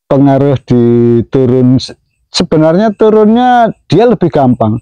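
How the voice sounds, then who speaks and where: A man's voice: on the high side, very animated, a little slow, mellow, smooth, no room sound, lo-fi sound. A man casually explaining pigeon racing, mimicking the whoosh of wings and chuckling now and then. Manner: imitates whooshing wing sounds, chuckles often. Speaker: pigeon keeper explaining to viewers.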